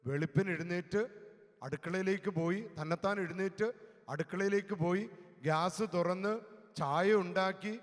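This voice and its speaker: High-voiced Malayali priest preaching in a reverberant space. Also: male voice, steady tone. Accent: Kerala Malayalam. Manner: slow, emphatic preaching with dramatic drops to soft, low speech. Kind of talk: sermon with personal testimony.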